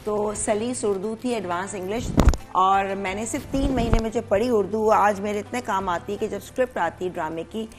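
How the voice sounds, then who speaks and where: A woman with a medium-pitched voice chats as a guest on a studio talk show. She speaks in a chatty, self-deprecating way. Clear music plays behind her. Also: poor audio. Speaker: guest actress. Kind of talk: studio chat.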